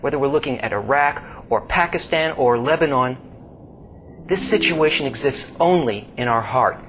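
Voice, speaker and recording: A man giving slow, scripted documentary-style narration, swinging between hushed low passages and emphatic rises. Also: rough recording. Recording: steady background hiss.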